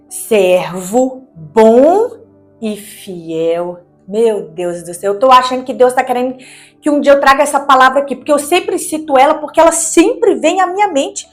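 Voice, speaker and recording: Over background music, a woman with a Minas Gerais Brazilian accent and a slightly high voice delivers a devotional Bible teaching. She reads and explains in a didactic, conversational style, posing rhetorical questions.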